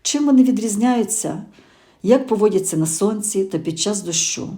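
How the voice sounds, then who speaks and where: Woman with a soft dark voice. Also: medium pitch, expressive, moderate pace. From Ukraine. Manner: warm conversational, with hesitations and self-corrections. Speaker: gardening channel host. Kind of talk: casual spoken garden review.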